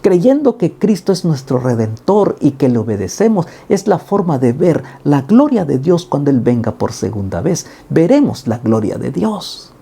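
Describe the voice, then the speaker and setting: A man's voice: a little high, sing-song, moderate pace, creaky, hardly any pauses, dark tone, husky. A middle-aged man preaching a daily Bible reading sermon, climbing to emphatic peaks when he quotes scripture. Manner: earnest, rising to emphatic peaks when quoting.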